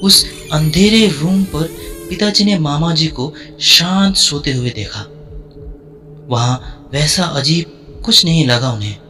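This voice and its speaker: A man telling a first-person horror story as scripted narration, slow and dramatic with drawn-out pauses. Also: fairly high pitch, pushed and bright. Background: faint music.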